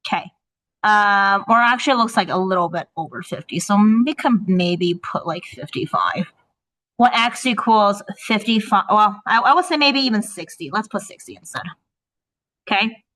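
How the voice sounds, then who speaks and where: A woman math teacher talks through a worksheet one step at a time, estimating aloud and often pausing to ask "right?" Her voice is bright and forward, in a middle register for a woman. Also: mid-range voice, animated, rough recording. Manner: tentative, thinks aloud while estimating.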